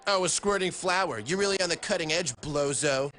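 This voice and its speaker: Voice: mid-range voice, fairly quick, background noise, lightly acted. A performer voicing a rude, sarcastic young boy. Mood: bratty.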